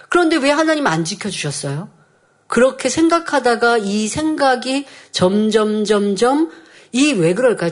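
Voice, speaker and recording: A woman preaches to her congregation in an earnest, steady voice at an ordinary pitch. She leans on rhetorical questions and speaks straight to the listeners. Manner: acts out a child's voice in quoted lines. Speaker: pastor. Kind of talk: sermon.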